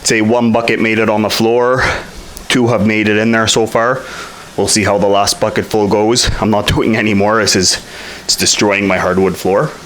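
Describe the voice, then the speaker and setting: A man's voice: lowish voice, level tone, moderate pace, a little hiss or hum. A man casually reviewing a product at home, talking in a blunt, frank and slightly exasperated way. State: out of breath after punching. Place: home room with hardwood floor.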